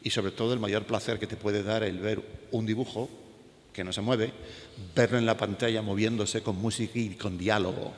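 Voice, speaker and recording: Speaking in a lowish, steady voice at moderate speed, this Castilian Spanish man addresses an audience in a school event hall as a panel speaker and animator. He keeps it conversational, telling stories and asking his listeners questions, while the room's echo and some background noise come through.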